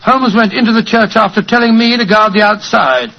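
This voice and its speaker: An actor playing an earnest, slightly flustered English doctor and loyal companion, with a British accent, in 1940s radio style. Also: male voice, sits high, brisk. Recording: muffled old radio recording, slight hiss.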